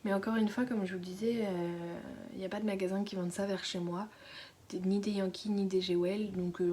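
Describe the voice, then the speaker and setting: A teenage girl talks through her beauty haul in a hushed, chatty way, often sinking to a whisper and stumbling over fillers and restarts. Her pitch sits in an ordinary middle range. A faint background hiss runs under her voice. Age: late teens. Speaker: beauty vlogger. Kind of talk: casual product haul. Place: at home indoors.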